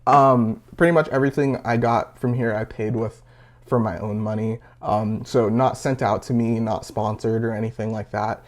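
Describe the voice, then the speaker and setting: A man's voice: on the low side, fairly even intonation, moderate pace. A nineteen-year-old man casually reviewing a pocket knife, rambling with lots of fillers and a little out of breath. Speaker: gear reviewer.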